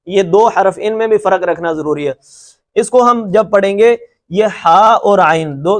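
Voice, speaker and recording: A man teaching Quran recitation in a lecture, patiently repeating points and stretching out letter sounds to demonstrate them, with a reassuring tone. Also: high-pitched. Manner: reassuring and encouraging. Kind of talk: classroom lecture with slides.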